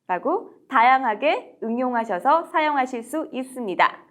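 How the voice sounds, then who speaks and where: A woman teaching English in a recorded lecture, repeating English phrases slowly and clearly, with a friendly, encouraging tone. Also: high voice, lively intonation, a bit bright. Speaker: English teacher and book author.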